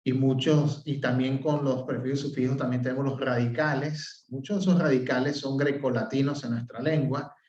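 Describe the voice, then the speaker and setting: A man with a Venezuelan accent teaching an open class, explaining step by step, filling pauses with "eh" and checking in with "¿ok?". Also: mid-range voice, steady tone, darkish tone. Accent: Venezuelan Spanish. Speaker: professor. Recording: roomy, distant, dull sound.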